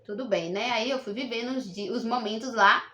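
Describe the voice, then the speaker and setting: Indignant high-voiced Brazilian woman. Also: a little fast, a bit bright, roomy sound. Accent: Brazilian Portuguese. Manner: indignant, emphatic, repeats herself. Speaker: vlogger. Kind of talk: casual storytelling to camera.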